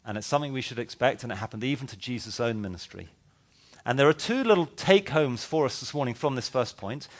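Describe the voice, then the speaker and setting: A man's voice: medium pitch, animated, fast. A male pastor preaching a verse-by-verse sermon, conversational and emphatic, with wry sarcastic asides. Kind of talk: expository sermon.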